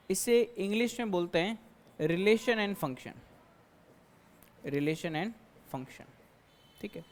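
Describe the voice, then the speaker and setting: A woman math teacher giving a classroom lecture, explaining step by step and asking and answering her own questions. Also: medium pitch. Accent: Hindi-speaking Indian.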